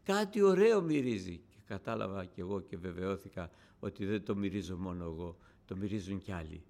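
A man delivering a sermon with a gravelly, rough-edged voice. He preaches fervently, dropping low and quiet, then rising to loud, passionate calls to his listeners. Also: animated. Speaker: radio broadcaster.

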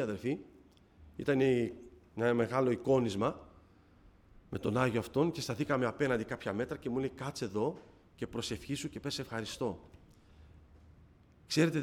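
A man giving a personal religious testimony to a congregation, telling it dramatically, rising loud then dropping to a hush. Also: medium pitch. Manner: dramatic storytelling, swings between raised and hushed voice.

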